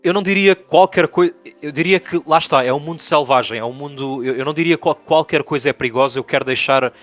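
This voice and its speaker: A man's voice: on the high side, fast, soft background music. A young man from Portugal with a European Portuguese accent, answering interview questions as a project spokesperson, hesitant with many fillers and restarts.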